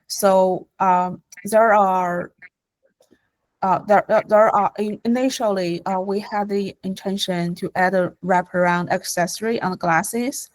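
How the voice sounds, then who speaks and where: A woman's voice: medium pitch, steady tone, no echo, low-quality recording. A woman presenting her company's product in a webinar, answering questions with frequent fillers and restarts. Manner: halting, many fillers and restarts. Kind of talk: live webinar Q&A.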